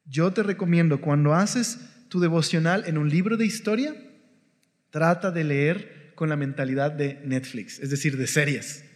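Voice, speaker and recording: A man's voice: a little high, moderate pace. A man giving a conversational devotional Bible teaching, often checking in with his listeners. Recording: long hall reverb.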